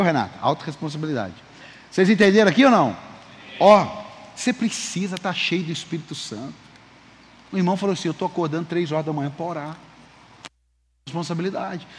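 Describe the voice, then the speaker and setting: A man preaching a sermon as pastor, lively, calling the congregation for amens and acting out short conversations. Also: sits high. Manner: lively, calls for amens and applause, acts out dialogue. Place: church sanctuary. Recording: long reverb of a church hall.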